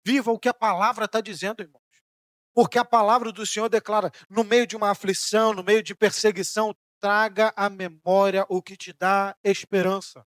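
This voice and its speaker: High-voiced Brazilian preacher man. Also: flat delivery, a little fast, no room sound, clean studio sound. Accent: Brazilian Portuguese. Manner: preaching with emphatic rises and sudden soft drops; voices imagined questions from listeners. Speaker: pastor. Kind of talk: sermon.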